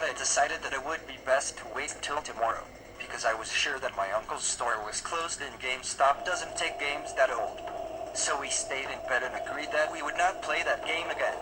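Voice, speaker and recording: A synthetic, text-to-speech man's voice narrates a scripted story in the first person. It sits at an average male pitch. Heavy noise runs behind the narration.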